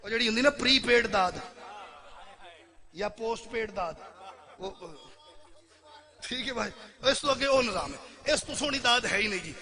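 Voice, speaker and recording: A man with a Punjabi accent leading a religious mourning gathering, swinging between soft asides and loud shouted verse. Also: very high-pitched, expressive, moderate pace, long pauses. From Pakistan. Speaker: zakir reciting at a mourning gathering. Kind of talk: religious poetry recitation and address.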